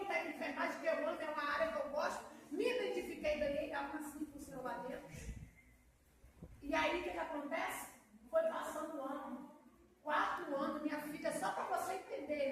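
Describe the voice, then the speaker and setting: A woman's voice: extremely high pitch, a bit bright, slight background noise. A Brazilian woman missionary giving an emotional testimony sermon, calling out to her listeners as brother and sister. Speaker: missionary preacher. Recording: very echoey, mic far off.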